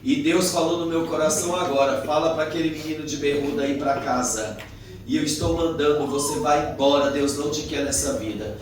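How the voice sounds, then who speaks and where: A man's voice: a little high, steady tone, brisk, background noise, close to an everyday voice. Earnest, commanding Brazilian homeless drunk, voiced by a man; distant mic in a reverberant hall. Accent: Brazilian Portuguese.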